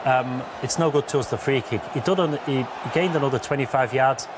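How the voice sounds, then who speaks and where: A man's voice: medium pitch, fairly quick, background noise. A man giving post-match football analysis as a pundit, thinking aloud with many fillers and restarts.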